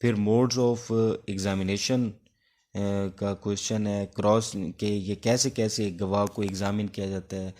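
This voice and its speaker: Explaining law step by step in an informal lecture, a Pakistani-accented male teacher moves back and forth between Urdu and English. He speaks a little slowly, with a low, darkish voice and fairly even intonation.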